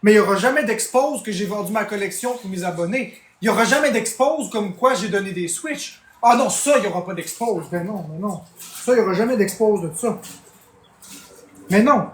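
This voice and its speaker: A man's voice: sits high, roomy sound, slight background noise. Man, québécois accent, livestream rant, heated, cursing, talks straight at chat. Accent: Québécois French. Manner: heated, swearing, addresses chat directly. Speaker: streamer.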